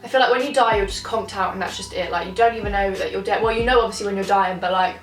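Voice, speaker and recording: A woman's voice: medium pitch, quick pace. A young woman, chatting casually to camera as a vlogger, gushing and swearing a lot. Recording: roomy sound, mic far off, faint music.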